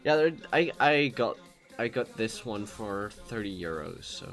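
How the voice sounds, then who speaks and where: Speaking at a measured pace, this Dutchman has a lowish, expressive voice and a Dutch accent. He's a gaming streamer chatting loosely during a live stream, rambling with lots of fillers and false starts. His cheap USB mic picks up soft background music too.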